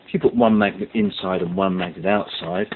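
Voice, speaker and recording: In this step-by-step science demonstration, a low-voiced man speaks a bit quickly in a steady tone, walking through each stage methodically and leaning on important words. Background hiss runs under the muffled, lo-fi recording.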